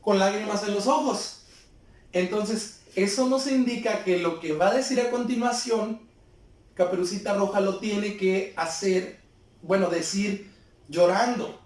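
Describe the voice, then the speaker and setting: A man's voice: high-pitched, measured pace, a little mellow. A male teacher giving a patient lesson to pupils, explaining step by step and asking them questions. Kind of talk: remote class lesson. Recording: very echoey room, far from the mic.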